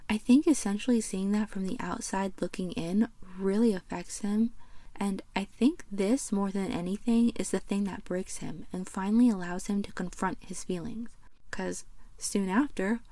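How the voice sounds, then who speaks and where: A woman's voice: mid-range voice, warm tone, dry recording. A woman hosting a video essay, narrating a game recap in a chatty, playful way with fond asides. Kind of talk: casual game commentary narration.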